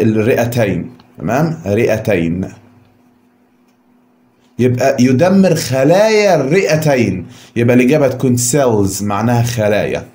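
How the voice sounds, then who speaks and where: A man with an Egyptian Arabic accent teaches an English vocabulary lesson. He says each word, gives its meaning, then repeats it slowly for students to copy. His voice is mellow and dark. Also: mid-range voice. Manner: drills words by repeating them slowly.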